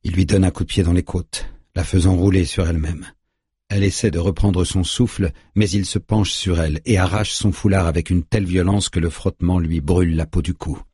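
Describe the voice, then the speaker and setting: A man narrating an audiobook in a grave, measured way, recorded on a close studio mic. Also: low voice, fairly even intonation, warm tone, breathy edge, no echo.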